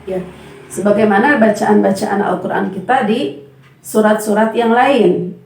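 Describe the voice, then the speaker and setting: A woman's voice: medium pitch, fairly even intonation, vocal fry, darkish tone. A woman teaching Quran recitation, explaining pronunciation rules and patiently reciting and repeating example sounds. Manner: patient, demonstrates sounds slowly and repeats them. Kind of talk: tajweed lesson with recited examples. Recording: roomy echo.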